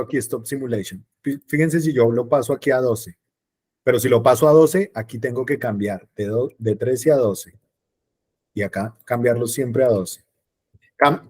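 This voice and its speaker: A man's voice: a little high, a little mellow. A man teaching an online class, talking casually and often checking in with questions to his students. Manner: chatty, checks in with frequent rhetorical questions. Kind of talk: online class explaining circuits.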